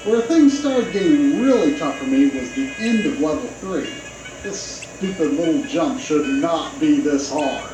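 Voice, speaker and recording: A little slow and expressive, a slightly high male voice reads out a scripted review of a video game, offering opinions in a casual, conversational way with side remarks. The playback sounds roomy, with game music in the background.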